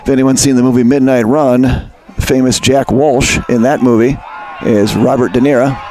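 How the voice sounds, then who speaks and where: A man's voice: medium pitch, fairly even intonation, normal speed, a little mellow, slight background noise. Chatty male lacrosse announcer outdoors. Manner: chatty, self-correcting, conversational. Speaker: play-by-play announcer. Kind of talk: live lacrosse commentary. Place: outdoor high school field.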